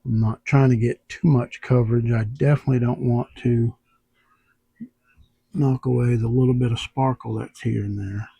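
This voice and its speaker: Guy with the hiccups muttering to himself while airbrushing at home, husky and dry, tablet cam. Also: mid-range voice, steady tone, normal speed, mellow, no echo. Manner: muttering to himself, thinking aloud. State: has the hiccups. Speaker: airbrush artist. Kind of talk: casual talk while working. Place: home workshop under overhead lights. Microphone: tablet camera.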